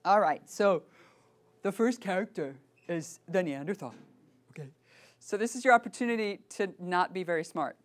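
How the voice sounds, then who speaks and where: A middle-aged woman leading a voice workshop, playful and lively, demonstrating sounds and asking her group questions. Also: fairly low pitch, normal speed. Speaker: voice workshop teacher. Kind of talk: workshop teaching.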